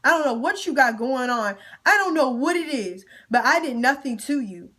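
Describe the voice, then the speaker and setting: A woman's voice: sits high, lively intonation, normal speed, a bit bright. A young woman venting in a storytime vlog, emotional and close to tears at times, talking straight to her viewers with casual slang. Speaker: vlogger.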